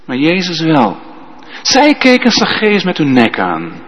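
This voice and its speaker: A man preaching a sermon as pastor, slow and emphatic, often ending points with a tag question. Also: fairly high pitch, huge pitch swings, fairly bright tone, a little hiss or hum. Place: church. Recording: dull sound with long church reverb.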